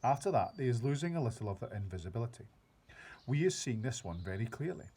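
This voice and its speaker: An excitable big friendly old giant, as a man reads him aloud, tumbling over mangled grammar and made-up words. His voice is husky, and it swings widely up and down as he frets and marvels, in a storybook reading. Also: medium pitch, fast talker. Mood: grumbling. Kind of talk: reading a children's book aloud.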